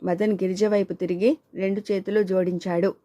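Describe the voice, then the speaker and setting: A woman's voice: medium pitch, flat delivery, normal speed, mellow, no echo, clean studio sound. A woman narrating a family story as an audiobook and voicing its characters in her own voice. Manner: reads all characters, male and female, in her own voice.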